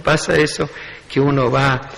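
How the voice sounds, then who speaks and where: A man's voice: mid-range voice, flat delivery, measured pace, gravelly, fairly bright tone, big-room sound, low-quality recording. A man preaching a sermon as pastor, building emphasis through short repeated phrases.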